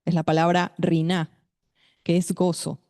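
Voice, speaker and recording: A woman's voice: on the low side, little pitch movement, dark tone, no echo, studio quality. A woman preaching at a women's meeting, speaking to her listeners directly and asking them questions. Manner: measured, addresses listeners directly as sister with questions. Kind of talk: sermon.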